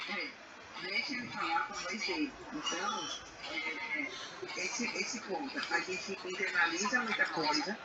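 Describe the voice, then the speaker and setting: A woman in her thirties chatting casually on an online call, telling stories with quick asides. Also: on the low side, reverberant, recorded from a distance, very noisy. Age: 30s. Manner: animated storytelling, quick asides. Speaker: reading group participant. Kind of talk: casual chat.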